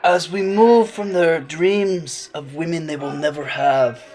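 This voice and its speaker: A young man narrating a parody nature documentary in a hushed, mock-solemn wildlife voice. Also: a little high, fairly even intonation, a little slow, slight background noise. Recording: music playing underneath.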